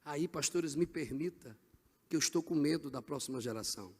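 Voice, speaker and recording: A middle-aged male pastor preaching a Pentecostal sermon, swinging from hushed passages to shouted climaxes. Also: on the high side, fairly quick, husky, big-room sound.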